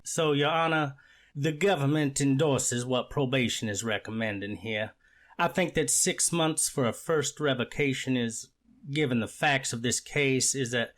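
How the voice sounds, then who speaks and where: In a readers theater reenactment, a man plays an earnest, stern courtroom official, speaking in a measured, deliberate way. His voice is natural, medium in pitch, and a bit bright.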